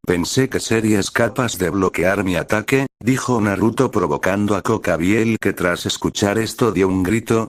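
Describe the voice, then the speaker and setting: A man narrating a fan fiction story aloud in a steady reading voice. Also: sits low, no echo.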